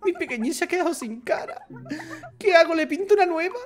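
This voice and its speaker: A man voicing a distressed village mother in a video game, in a high, whiny, pleading voice. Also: lively intonation, fairly quick, crowd noise. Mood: frantic.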